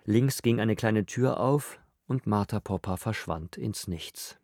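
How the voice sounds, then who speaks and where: A male narrator reads in a low, wry, measured voice. The recording is dry and close, with no room sound around him. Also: a little mellow, no room sound. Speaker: audiobook narrator. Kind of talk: scripted narration.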